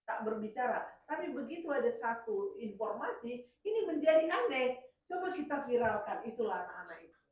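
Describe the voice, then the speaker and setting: Animated middle-aged woman in echoey room. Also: fairly quick, recorded from a distance. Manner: animated storytelling, jumps in pitch and loudness. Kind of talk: casual speech at a group session.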